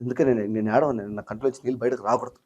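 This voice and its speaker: A young man, a guest in an interview, telling an emotional story fast and in an agitated way, acting out the voices of the people he quotes. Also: medium pitch, steady tone, darkish tone, husky, lo-fi sound.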